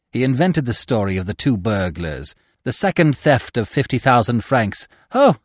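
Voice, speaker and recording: A man puts on a scheming widow thirsting for revenge, gloating over a trapped enemy. Her voice swings wildly between shrill heights and hushed lows, every syllable pressed hard. The sound is close and dry, with no room around it. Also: dry recording.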